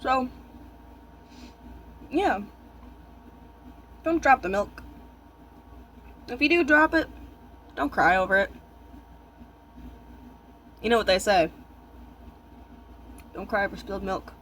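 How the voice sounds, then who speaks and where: A young man chats casually while eating, talking with his mouth full in halting, musing short thoughts. His voice is high and fairly bright, with slight background noise.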